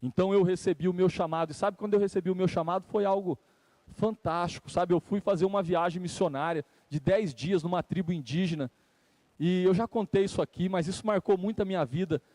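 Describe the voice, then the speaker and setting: This Brazilian preacher delivers his sermon during a live church service with a high, brisk, warm voice and no echo. He repeats phrases to drive points home and addresses the congregation directly, as if in conversation.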